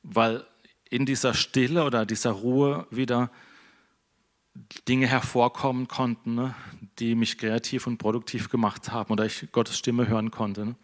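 A middle-aged man preaching a relaxed, conversational sermon and tagging his sentences with a questioning "ne?". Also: medium pitch, moderate pace. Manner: conversational, keeps adding "ne?". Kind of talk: casual sermon.

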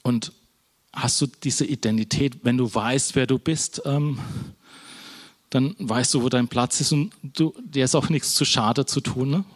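A man's voice: mid-range voice, a little slow. A man giving an informal sermon in a church hall, conversational, tagging nearly every phrase with a questioning "ne?" and often restarting and correcting himself. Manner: conversational, keeps adding a questioning "ne?"; false starts and self-corrections. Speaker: preacher.

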